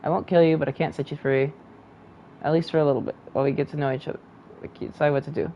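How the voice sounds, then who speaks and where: A man's voice: a little high, little pitch movement, very fast, dull audio, slight background noise. A man casually commentating on a video game he is playing and reading choices aloud.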